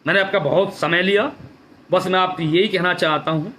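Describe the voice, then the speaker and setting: A man's voice: high-pitched, steady tone, moderate pace, pushed and bright, slight background noise. A man giving an impassioned address to viewers on a live stream, repeating his key phrases for emphasis. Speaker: political speaker on a social media live stream.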